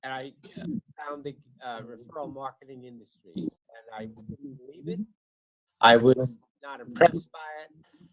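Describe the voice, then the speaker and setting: A man speaking as a guest on a group video call, talking haltingly with many pauses while his glitchy internet audio breaks up, drops out and jumps in volume. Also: mid-range voice, dry recording, highs cut off. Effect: glitchy call audio breaking up and dropping in and out. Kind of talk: impromptu testimonial on a conference call. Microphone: computer mic on a video call.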